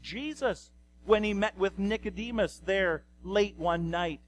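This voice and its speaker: A man preaching a sermon, slowly and dramatically retelling a scripture story. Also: sits high, slight background noise, low-quality recording. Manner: slow, dramatic retelling of scripture with acted quotes.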